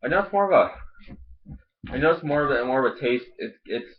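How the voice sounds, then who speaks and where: A man's voice: mid-range voice, lively intonation, normal speed. A man hosting a casual review video, rambling and swearing, talking with a lip full of dip. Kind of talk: casual product review chat. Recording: dull lo-fi home video audio.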